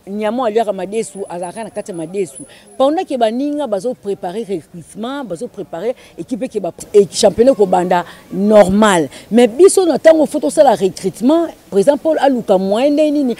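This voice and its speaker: A woman conducting an interview. Her voice is warm and mellow, in a middle pitch for a woman. She talks steadily and keeps up a stream of soft murmured agreement.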